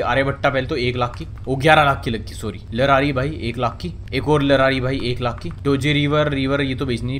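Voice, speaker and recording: A man's voice: mid-range voice, a bit bright, slight background noise. A young man giving casual gameplay commentary, joking and chattering to himself and the game as he plays. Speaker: gaming channel host.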